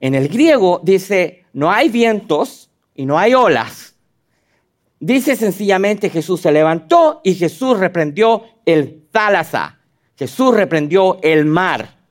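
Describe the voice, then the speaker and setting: Animated preacher man with a lively high voice. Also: slow pace. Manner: animated, acts out quotes with sudden high dramatic voices; asks the listeners direct questions. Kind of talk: sermon.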